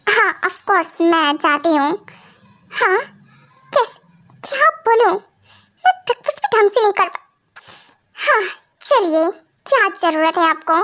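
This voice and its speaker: A woman voicing a quick-tempered young bride in a fan-dubbed audio story, with a snappy, irritated way of talking. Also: very high-pitched, expressive, bright, forceful tone, full character voice. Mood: annoyed.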